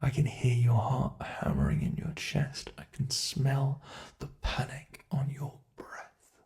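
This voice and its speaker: In an ASMR roleplay, a man voices a centuries-old monster, a cruel and playful predator taunting its prey in a gravelly voice. His delivery is slow and deliberate, medium-pitched, fairly even and a little mellow, often dropping into close, menacing whispers with a taunting mood.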